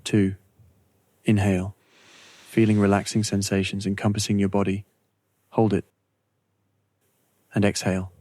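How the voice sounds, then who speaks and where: In a slow, measured, soothing manner with long pauses, a man narrates a scripted guided meditation. His voice is lowish, monotone and dark in tone, and there's no echo.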